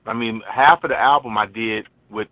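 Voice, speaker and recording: A man's voice: on the low side, moderate pace, no room sound, poor audio. A man from Cleveland, a guest singer, chatting casually and easily on a radio show. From Cleveland, Ohio. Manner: relaxed, easygoing, laughs often. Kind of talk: casual radio interview chat.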